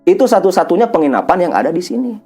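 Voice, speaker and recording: A man voicing an old rickshaw driver who speaks flat and without tone in a spoken ghost story. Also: sits high, racing, husky, faint music behind, pitched below the performer's own voice, exaggerated voice. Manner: flat, toneless speech.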